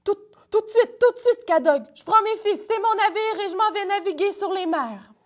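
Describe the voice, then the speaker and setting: A woman voicing a meek, gentle male pirate who answers in a hurried, flustered way. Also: very high voice, voice pushed up. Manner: hasty, flustered replies.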